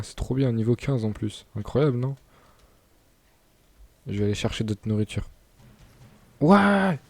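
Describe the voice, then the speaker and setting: Young gamer guy, lowish mellow voice, relaxed chatty commentary with laughs. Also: dry recording. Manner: chatty, laughs and stumbles over words. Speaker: gaming YouTuber. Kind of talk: casual gameplay commentary.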